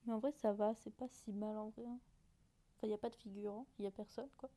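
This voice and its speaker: A woman's voice: mid-range voice, steady tone, fast, mellow. A woman chatting casually and hesitantly as she reacts to her own old videos, often mocking herself.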